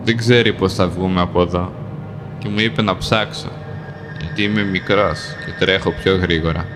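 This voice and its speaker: A man reading a dark first-person fantasy tale in a calm, measured way, in short plain sentences. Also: sits low. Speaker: storyteller. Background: music.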